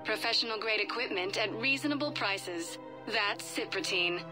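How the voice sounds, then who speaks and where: A woman voicing a cheerful female shop announcement voice that plays over a store loudspeaker, with a polished sales-pitch delivery. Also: moderate pace, music in the background. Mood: upbeat.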